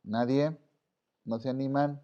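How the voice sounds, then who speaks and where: A man's voice: mid-range voice, fairly even intonation, measured pace. A man with a Mexican accent teaching an online class in a casual way, full of fillers. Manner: casual, many fillers like "este". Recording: slightly dull audio.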